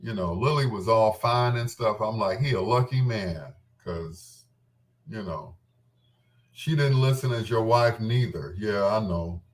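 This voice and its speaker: Reminiscing on his own show, a middle-aged man rambles informally, candid and playful, and quotes himself in his stories. His voice is on the low side and a little slow, recorded from afar.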